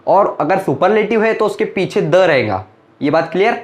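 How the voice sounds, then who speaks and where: At a normal speed and in an animated way, a young man with a fairly high voice explains grammar at a board. His patient lesson unfolds through questions he asks and then answers on his own.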